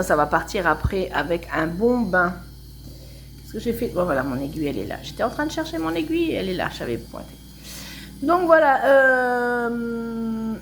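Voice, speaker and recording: Chatty higher-pitched woman, home vlog. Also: slight background noise. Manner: chatty, rambling, many hesitations. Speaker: cross-stitch vlogger. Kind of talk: casual show-and-tell chat. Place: home, washing machine spinning nearby.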